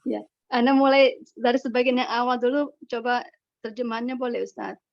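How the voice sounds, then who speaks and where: Female student, breaking-up call audio, gravelly voice, pitched a bit high. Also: steady tone, a little fast, no echo. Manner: polite, asks permission hesitantly. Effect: voice breaking up over a bad online call connection. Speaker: student in an online Quran class. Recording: dull lo-fi dry call audio.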